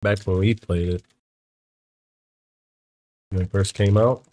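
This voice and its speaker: Casual low-voiced male reaction host. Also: takes it slowly. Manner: casual, excitable, swears freely.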